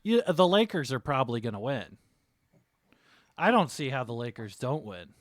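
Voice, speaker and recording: A man's voice: mid-range voice, sing-song, normal speed, dry recording, clean studio sound. A man talking casually as a streaming game master, in a rambling, joking manner.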